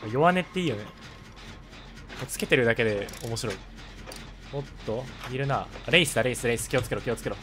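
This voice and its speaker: A man with a hoarse voice, chatting casually while live-streaming a game and thanking viewers for donations. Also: medium pitch, lively intonation, fast, long pauses, music in the background.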